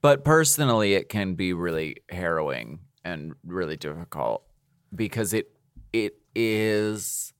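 A man's voice: deep voice, lively intonation, unhurried, clear, resonant tone, no echo, studio quality. A man from New York co-hosting a podcast in casual chat, playful and teasing with dramatic exclamations. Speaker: podcast co-host.

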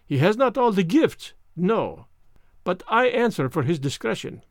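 A man's voice: sits high, very animated, unhurried, no echo, studio quality, full character voice. A man voicing a fussy, vain little detective who speaks in prim, precise foreign-sounding English. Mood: polite.

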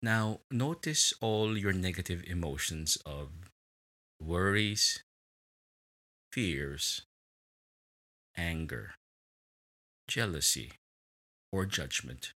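A man with a deep, low voice guides a relaxation meditation at an unhurried pace. His tone is bright and clear, and his pitch rises and falls expressively as he lingers on each word. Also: animated. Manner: slow, soothing, with long pauses.

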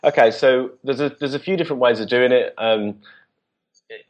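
A man talking casually as a podcast guest, halting with many restarts and fillers. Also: medium pitch, dull audio. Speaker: guest, business co-founder.

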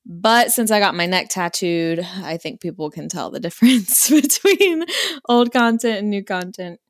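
A woman's voice: medium pitch, animated, normal speed, no echo, clean studio sound. A woman hosting a podcast as an adult content creator, speaking candidly in an intimate, informal style. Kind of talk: casual podcast chat, then reading an erotic message aloud.

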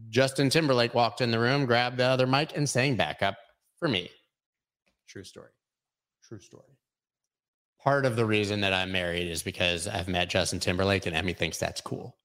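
A man's voice: lowish voice, creaky, pushed and bright. Forties male host, casual rambling live-stream banter with jokes. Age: 40s. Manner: rambling, jokey, reads chat comments aloud. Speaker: crypto show host.

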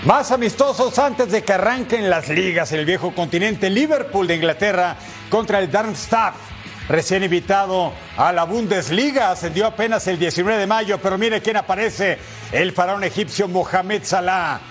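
A man hosting a sports show, presenting news and highlights in a lively broadcast style. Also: moderate pace, faint music behind.

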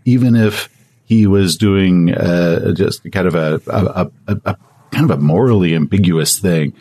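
Deep husky man rambling in chat. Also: measured pace, dark tone. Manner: rambling, repeats filler words. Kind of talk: casual chat.

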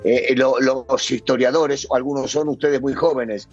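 A man's voice: medium pitch, fairly even intonation, moderate pace, husky, lo-fi sound, faint music behind. A man with an Argentine accent, a former player turned sports pundit, arguing his point insistently in a studio debate. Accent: Argentine Spanish. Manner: insistent, argumentative.

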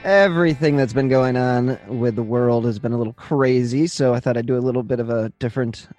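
A man's voice: mid-range voice, brisk, darkish tone, soft background music. A man hosting a true crime podcast, moving between introduction and casual chat in a studio.

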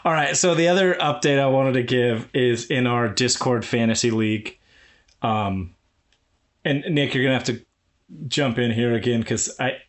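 A man co-hosting a podcast in casual chat. He is chatty, laughs easily and leads the segments. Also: mid-range voice. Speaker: podcast co-host.

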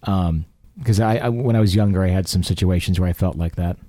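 A man's voice: low voice, fairly quick, warm tone, dry recording. A man hosting a talk show, speaking in a casual, conversational way into a close studio microphone.

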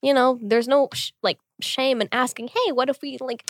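A woman in her mid twenties, co-hosting a casual chat, telling stories in a relaxed way and laughing easily. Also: high voice, moderate pace, dry recording, clean studio sound. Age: mid 20s. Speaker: podcast co-host.

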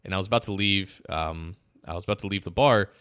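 A man with a fairly low voice co-hosts a casual sports podcast. He talks in a loose, chatty way and often restarts his sentences while telling a story. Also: quick pace, a bit bright, smooth. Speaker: podcast co-host.

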